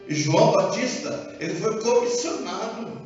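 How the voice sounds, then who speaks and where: Brazilian pastor preaching in an echoey church. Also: male voice, high-pitched, unhurried. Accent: Brazilian Portuguese. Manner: animated preaching with acted-out dialogue. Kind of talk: sermon. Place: church sanctuary. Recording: echoey hall from far off, dull sound, music behind.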